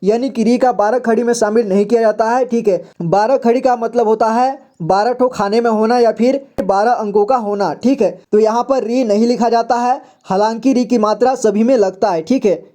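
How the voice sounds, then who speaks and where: A man's voice: extremely high pitch, steady tone, normal speed, few pauses, dark tone. A man teaching a beginners' reading lesson, patiently sounding out syllables one by one and checking in with frequent "okay?" asides. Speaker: Hindi teacher.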